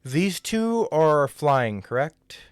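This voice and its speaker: Man, mid-pitched, resonant and dry, a rules-checking player. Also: sing-song, takes it slowly, clean tone, no room sound. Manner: thinks aloud, checking rules as he goes. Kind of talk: tabletop game play.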